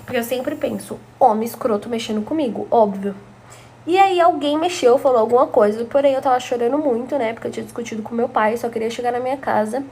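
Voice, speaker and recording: A woman's voice: a little high, fast talker, a little mellow, a little hiss or hum. Chatty young Brazilian woman telling gossip. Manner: chatty, gossipy, addresses viewers often. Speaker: storyteller. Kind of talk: casual storytime narration.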